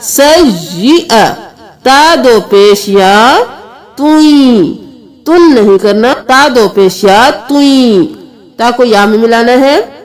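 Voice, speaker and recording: A woman teaching recitation rules in a high, light voice. She speaks slowly and patiently, spelling each letter and vowel mark out in turn, with deliberate pauses between sounds. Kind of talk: tajweed lesson, spelling out letters.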